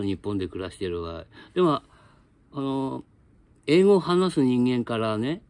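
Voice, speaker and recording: A man teaching a casual spoken lesson in a blunt, colloquial, lecturing way. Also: medium pitch.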